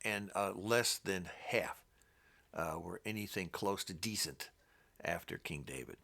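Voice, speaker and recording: A man with a deep, low-pitched voice and a gravelly, creaky edge works through a Bible passage, stopping to comment as he goes. His delivery is halting and rambling, full of restarts and doubled words. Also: bright, forceful tone. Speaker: Bible teacher.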